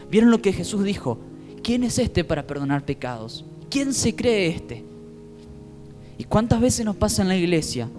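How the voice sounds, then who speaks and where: A man with a Rioplatense Spanish accent, a pastor preaching a sermon in an animated storytelling way, acting out the voices he quotes. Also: sits high.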